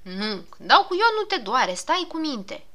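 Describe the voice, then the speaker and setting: A woman's voice: high voice, very animated, bright, forceful tone, voice pushed up, full character voice. A woman voicing a fussy, grumbling male gnome doctor who coaxes and scolds in a storybook reading. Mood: fussing. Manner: soothing then scolding, fussy.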